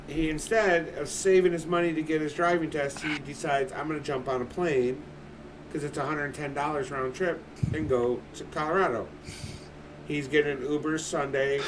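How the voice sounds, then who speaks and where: A man in his forties, a livestream host, chatting casually in a blunt, swearing manner. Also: on the high side. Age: 40s. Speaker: streamer. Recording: distant mic with background noise.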